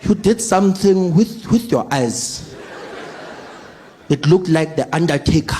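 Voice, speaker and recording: A man playing a father in a comedy sketch, mock-serious and deadpan, with noise in the background. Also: a little high, a little slow.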